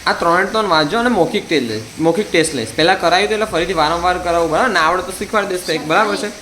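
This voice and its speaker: Male tuition teacher, Gujarati accent, bright and forceful, drills students with repeated question-and-answer, slightly high voice. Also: very fast, a little hiss or hum. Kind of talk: classroom science lesson. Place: tuition classroom.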